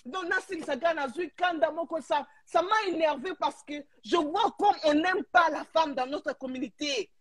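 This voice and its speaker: A woman's voice: high voice, moderate pace, hardly any pauses. A Congolese woman in a heated live chat, speaking emphatically and indignantly, switching between languages. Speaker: live stream participant.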